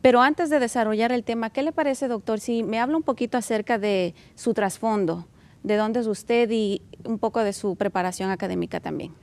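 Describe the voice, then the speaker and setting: A woman's voice: fairly high pitch, fairly quick, a little mellow. Formal woman TV host. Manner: formal, polite, with fillers. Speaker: TV program host. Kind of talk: interview hosting.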